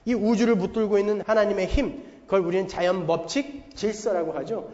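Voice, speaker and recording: A man's voice: high-pitched, fairly even intonation, brisk, a little mellow. A middle-aged male pastor preaching a sermon in a church, emphatic and posing rhetorical questions to the congregation. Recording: long hall reverb, dull lo-fi sound.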